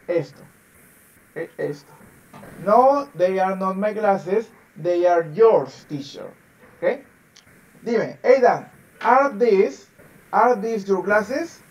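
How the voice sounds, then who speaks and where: Male teacher on a video call, high voice, unhurried, patient drilling; slightly distant mic with faint noise. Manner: patient, repeats words over and over for drilling. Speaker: English teacher. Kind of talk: online class.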